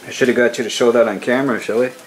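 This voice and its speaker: A man's voice: medium pitch, fairly even intonation, racing, rough recording. A man in his thirties casually vlogging at home, chatty and a bit grumbly. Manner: laid-back, chatty, mildly grumbling. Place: home kitchen and living room. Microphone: camera mic.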